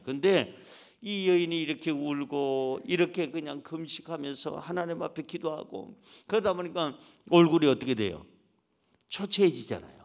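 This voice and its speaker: A middle-aged male pastor preaching a sermon in a church, animated and acting out voices as he goes. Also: fairly high pitch. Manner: animated preaching, acts out voices of God and grumbling husbands. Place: church sanctuary.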